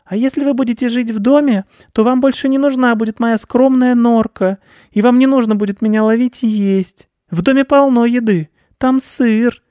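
A man voicing a small, sly male mouse with a squeaky, fawning voice, for a storybook reading. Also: moderate pace, a little mellow, no echo, studio quality.

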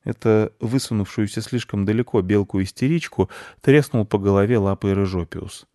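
A man narrating a children's story in an even, measured way. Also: fairly low pitch, no room sound, clean studio sound.

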